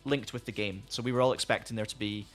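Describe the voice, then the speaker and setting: A man's voice: fairly low pitch, fairly even intonation, fast, fairly bright tone, faint music behind. A man chatting casually on a live stream, rambling and restarting sentences as he reads out viewer comments, saying he is losing his voice. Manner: rambling, friendly, many restarts.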